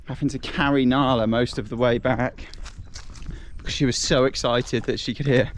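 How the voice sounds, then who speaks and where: A man's voice: mid-range voice, fairly even intonation, normal speed, slight background noise. A man hosting a family vlog, chatting in an upbeat, easygoing way while he walks around outdoors on a rural farm. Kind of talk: casual vlog narration.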